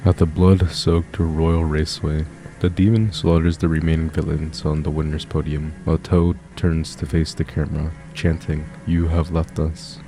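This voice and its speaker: A man reading scripted horror story narration as a YouTube narrator, in a steady, even retelling. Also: a bass voice, moderate pace. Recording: music playing behind.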